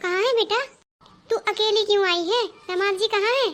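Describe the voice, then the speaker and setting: A woman voicing the bride's suspicious, scolding mother in a cartoon, in a very high voice. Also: normal speed, a bit bright, faint music behind. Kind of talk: Hindi cartoon voice acting.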